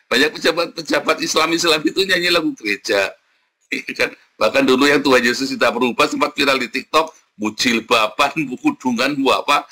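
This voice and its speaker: A man preaching a lively, animated sermon as pastor, addressing the congregation often and breaking into playful sound effects. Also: medium pitch, moderate pace, slightly rough. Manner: addresses the audience as "saudara" constantly.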